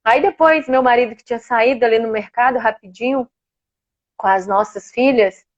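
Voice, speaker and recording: A woman's voice: fairly high pitch, moderate pace, lo-fi sound. A woman with a Brazilian Portuguese accent, a guest telling a personal story in a heartfelt, emotional way. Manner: heartfelt, emotional, laughs now and then. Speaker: guest sharing a personal experience.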